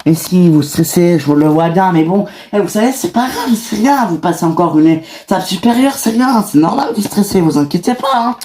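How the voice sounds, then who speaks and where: A tired mother of a large family, as a woman plays her in a homemade toy-figure series. She has a low, mellow voice and rambles, with lots of hesitations and restarts. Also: lively intonation, moderate pace, hardly any pauses, close to an everyday voice. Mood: reassuring. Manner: rambling, many fillers and restarts. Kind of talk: improvised home-video voice acting.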